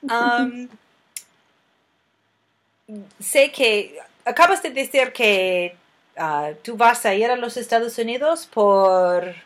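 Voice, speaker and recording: A woman hosting a language-learning podcast, asking interview questions in a slow, clear, measured way with frequent hesitations. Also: on the high side. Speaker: podcast host.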